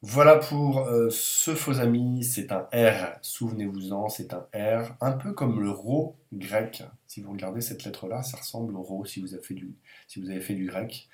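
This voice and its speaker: Male language teacher, lower pitch, calm and reassuring, spelling out each letter. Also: echoey room. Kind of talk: video lesson on the Russian alphabet.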